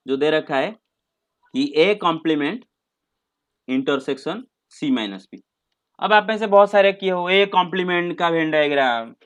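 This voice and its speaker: A man's voice: high voice, fairly bright tone. A man teaching a maths class online, patient and coaxing, mixing English terms into his talk and calling students "beta".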